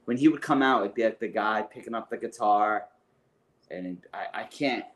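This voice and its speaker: Low-voiced rambling podcast guy. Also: normal speed. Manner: rambling, hedging with fillers. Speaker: podcast co-host. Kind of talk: casual chat.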